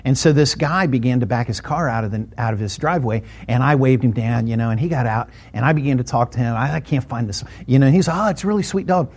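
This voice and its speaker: A pastor telling a rambling, animated story from the pulpit, acting out his own shouts. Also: medium pitch, fast, hardly any pauses. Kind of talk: sermon storytelling.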